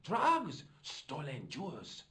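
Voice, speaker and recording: A man's voice: a little high, huge pitch swings, slow, fairly bright tone, exaggerated voice. An actor playing a chatty, theatrical French café man in a video game, with a French accent. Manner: theatrical, melodramatic, fussy.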